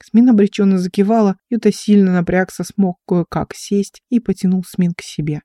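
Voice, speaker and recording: An audiobook narrator with a mellow, mid-range voice reads scripted narration at a moderate pace. The sound is dry and clean, recorded in a studio.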